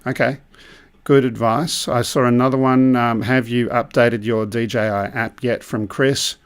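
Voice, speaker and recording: Male live-show host, mid-pitched, loose and rambling, filler-heavy chat. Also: measured pace, clear, resonant tone. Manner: relaxed, rambling with many ums.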